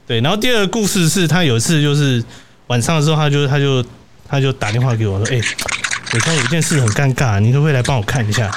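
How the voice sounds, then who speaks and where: Rambling host. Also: male voice, mid-range voice, expressive, rapid-fire, a little hiss or hum. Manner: rambling, many restarts and tag questions, laughs often. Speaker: podcast host. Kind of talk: casual storytelling chat.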